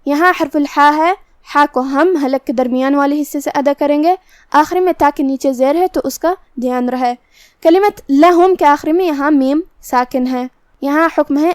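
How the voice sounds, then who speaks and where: Woman tajweed teacher, high voice, close dry mic, methodical explainer. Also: a little mellow, no room sound. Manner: slow, careful explanation of pronunciation rules. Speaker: Quran recitation teacher. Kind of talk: tajweed lesson.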